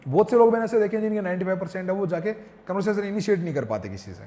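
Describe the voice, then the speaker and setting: A man telling a lively family story on a podcast, acting out his own lines and his child's. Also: sits high, very fast. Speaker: father talking as podcast guest. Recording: long reverb.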